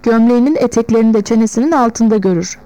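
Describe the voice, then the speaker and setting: An irritable old man, a tailor's helper, answers back with impatience, as a woman reading the story puts him on. The voice stays warm and mellow. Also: a little high, fast talker, no room sound, close to an everyday voice, low-quality recording. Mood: irritated. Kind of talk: audiobook reading.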